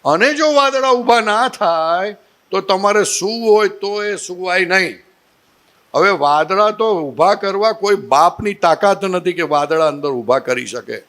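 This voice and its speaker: High-voiced man teaching with playful humor. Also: measured pace. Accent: Gujarati. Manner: humorous, animated storytelling with rhetorical questions. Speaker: spiritual teacher. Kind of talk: satsang talk.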